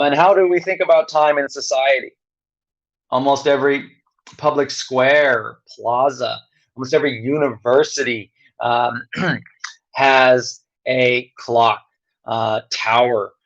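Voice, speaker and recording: A man giving a recorded lecture, speaking slowly with long pauses and frequent fillers. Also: mid-range voice, highs cut off. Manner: slow, pausing delivery with many fillers.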